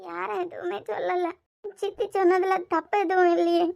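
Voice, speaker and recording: A woman voicing a tearful young cartoon wife with a very high voice. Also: flat delivery, normal speed, vocal fry, a little mellow, muffled recording, full character voice. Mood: troubled. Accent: Kanyakumari Tamil. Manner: plaintive, hesitant. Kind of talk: cartoon voice acting.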